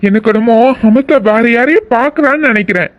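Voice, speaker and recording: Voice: mid-range voice, fast talker, muffled recording, lightly acted. A performer voicing a shy young man in love in an audio drama, who speaks in a hesitant, worried way. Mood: doubtful. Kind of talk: amateur audio drama acting.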